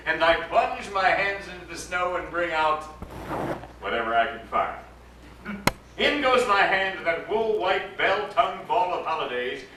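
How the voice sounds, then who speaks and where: His voice is high and sharp as he performs a storybook reading for an audience at a live event, stretching his lines out with theatrical flair. Captured by a faraway microphone, the sound echoes through the room with a little noise underneath.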